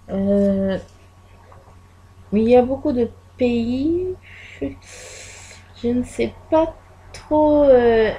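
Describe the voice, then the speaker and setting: A woman's voice: on the high side, dark tone, breathy edge, poor audio. A woman presenting her postcard collection in a casual video, talking hesitantly with many fillers, recorded on a laptop microphone at home. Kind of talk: casual show-and-tell. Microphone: laptop built-in microphone.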